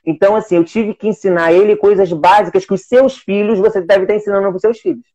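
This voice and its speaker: A man's voice: sits high, fairly even intonation, quick pace, a little mellow. A man talking casually in a live video chat as an adoptive single father, rambling with many restarts. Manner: rambling, many restarts, quoting his own talks with his son. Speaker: teacher of young children.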